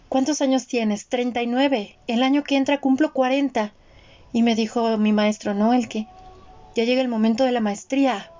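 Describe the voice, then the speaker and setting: Earnest woman in her forties, higher voice. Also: dark tone. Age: 40s. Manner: earnest, motivational, addresses listeners directly. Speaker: co-host. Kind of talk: reflective conversational talk. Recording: dull lo-fi sound.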